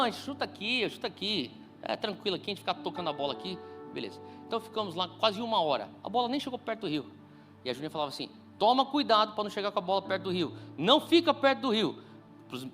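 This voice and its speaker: Animated Brazilian pastor with a lively voice. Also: male voice, sits high. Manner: animated, acts out dialogue with big voice swings. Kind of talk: sermon with storytelling.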